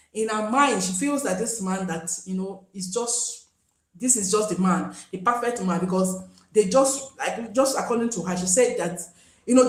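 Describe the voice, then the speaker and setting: A woman's voice: mid-range voice, echoey room, poor audio. A Nigerian woman hosting a live stream, chatting casually and pleading with viewers to join. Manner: pleading, chatty, switches into pidgin.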